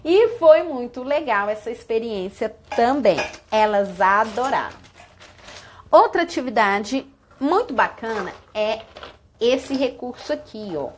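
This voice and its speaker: A woman's voice: a little high, animated, measured pace, slight background noise. A Brazilian woman teacher live-streaming a class demo, showing other teachers activities with props and sung greetings. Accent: Brazilian Portuguese. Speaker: early childhood teacher.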